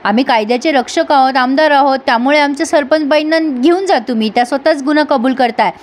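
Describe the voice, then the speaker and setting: A woman's voice: high voice, fast talker, natural voice. A woman voicing a pompous male village politician who lectures the others.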